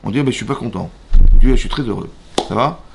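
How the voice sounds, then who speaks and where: Gravelly-voiced French rabbi teaching a class. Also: male voice, medium pitch, very fast, background noise. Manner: animated, asks the audience questions, acts out voices. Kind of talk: lively Torah class. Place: synagogue hall.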